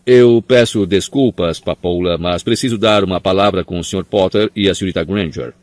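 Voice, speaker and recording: A man reading an audiobook, voicing a calm, wise old headmaster who speaks in a measured way. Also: lowish voice, dry recording, close to an everyday voice. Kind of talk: audiobook character voice.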